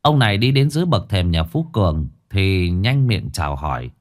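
A man narrating a ghost story in a dramatic, expressive way. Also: sits low, normal speed.

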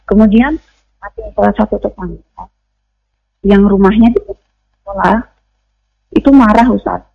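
A woman's voice: mid-range voice, a little slow, creaky, pauses often, husky. Lady calling in w/ a question, hesitant and filler-heavy, muffled lo-fi line. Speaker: caller.

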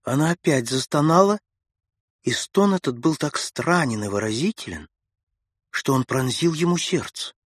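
A man narrating classic prose for an audiobook in a measured, steady storytelling manner on a close mic. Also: mid-range voice, breathy edge, no room sound.

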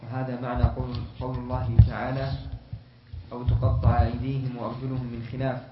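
A man reads a classical legal text aloud in a lesson, moving at a brisk clip and sometimes going back to restart a word. His voice stays fairly level. The recording sounds roomy and a bit dull, with faint hiss behind it. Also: medium pitch, monotone. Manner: quick recitation with restarts on words. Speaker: student reading the text aloud.

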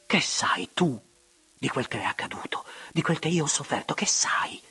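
A man voicing a young noblewoman who is tender and torn toward a former lover, speaking softly and sinking into hushed whispers. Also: on the high side, animated, moderate pace, creaky, slightly rough, voice pushed up, full character voice. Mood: anguished. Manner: soft, hushed, dropping to whispers.

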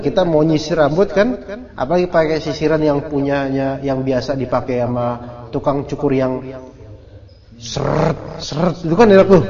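A man teaching an Islamic book study in a casual, joking, colloquial way. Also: on the high side. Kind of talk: kitab study lecture. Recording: muffled hall recording with audience.

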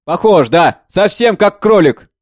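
Guy voicing a hoarse old peasant, mocking, kinda high, dry mic. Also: lively intonation, measured pace, no room sound. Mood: rough, mocking.

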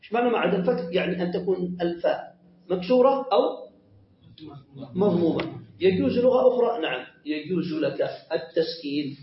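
High-voiced man teaching in an echoey room. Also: lively intonation, brisk, a little hiss or hum. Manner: asks questions and answers them himself; patient, repeats points and corrects himself. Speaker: Arabic grammar teacher. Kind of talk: classroom grammar lesson. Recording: echoey muffled lo-fi lesson recording.

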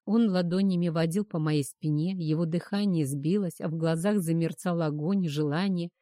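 A woman narrating a first-person story as an audiobook in an even storytelling manner. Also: fairly low pitch, normal speed, no room sound, studio quality.

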